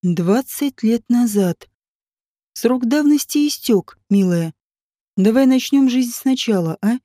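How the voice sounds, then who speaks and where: A woman's voice: on the high side, expressive, slow, warm tone, no room sound, studio quality. A woman voicing a blunt, teasing former cop who pushes a rich woman to divorce, read in an audiobook. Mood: coaxing. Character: man, a brash ex-cop wooing a rich woman. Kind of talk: audiobook character reading.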